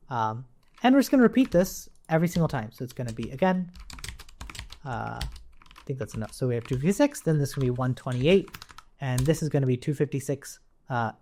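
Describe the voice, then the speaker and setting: A programming instructor with a warm, medium-pitched voice gives an informal live-coding tutorial, thinking aloud as he works. The recording has noticeable noise, with keyboard clicks and typing audible in the background.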